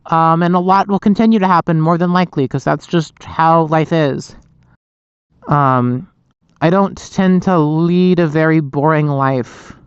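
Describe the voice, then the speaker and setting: A young adult voice with a smooth, clear tone and middling pitch, rambling casually through a motorcycle vlog. The speaker talks from inside a helmet, so the sound is close and a bit muffled. The delivery wanders and self-interrupts, with some mild swearing. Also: unhurried, no echo. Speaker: motorcycle vlogger. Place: inside a helmet, outdoors at night.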